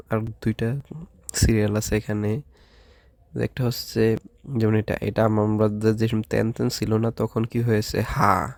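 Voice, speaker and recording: A patient male teacher speaks in a low, even voice, drilling syllables slowly and stopping often to ask questions. His flat delivery stays at an unhurried pace. The sound is dry and close, with no room echo. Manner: slow, patient, drills syllables one by one and asks the class questions. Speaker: language teacher. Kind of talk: Japanese lesson with drilled syllables.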